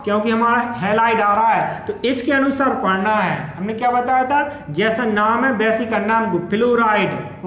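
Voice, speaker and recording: A man's voice: extremely high pitch, fairly bright tone, reverberant. A male chemistry teacher giving a classroom lecture who repeats each term and keeps asking his students to say it back. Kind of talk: classroom lecture with call-and-response questions.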